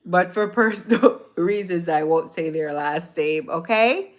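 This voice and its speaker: Woman, livestream host, lowish voice, slow rambling chat, sounds tired. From Jamaica. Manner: chatty, rambling, repeats herself. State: tired from a late night. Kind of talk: casual chat with viewers.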